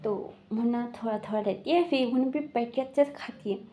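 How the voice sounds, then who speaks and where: A woman retells a drama's story in a loose, chatty way, full of fillers and restarts. Her voice sits high and sounds very bright. She drops briefly into quoted lines as she goes. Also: fairly quick, a little hiss or hum. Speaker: drama recap narrator. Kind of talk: casual storytelling recap.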